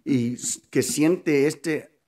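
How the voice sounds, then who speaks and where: A man's voice: fairly high pitch, extremely slow, warm tone. A man hosting a podcast interview, affirming his guest and following up on her points. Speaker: podcast host, pastor.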